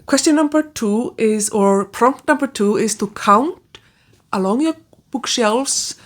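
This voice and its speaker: A woman's voice: a little high, slow. A woman, chatting casually about her books with frequent restarts and trailing asides. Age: 40s. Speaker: book vlogger. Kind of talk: casual book-tag chat.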